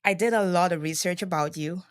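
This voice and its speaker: A woman's voice: fairly low pitch, brisk, no room sound. A woman from Cameroon hosting a podcast, speaking in an effusive, praising way. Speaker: podcast host. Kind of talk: podcast interview host.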